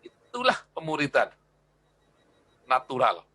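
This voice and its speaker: A man's voice: mid-range voice, wildly swooping pitch, a little slow, pushed and bright, no room sound. A middle-aged man teaching an informal church class on discipleship. He talks in a chatty way, repeats phrases and tags his lines with little questions.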